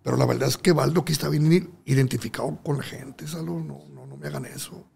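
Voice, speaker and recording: A man voicing a flustered male concert promoter who pleads urgently in a raised, creaky voice. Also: mid-range voice, fast talker, darkish tone, heavily acted. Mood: pleading.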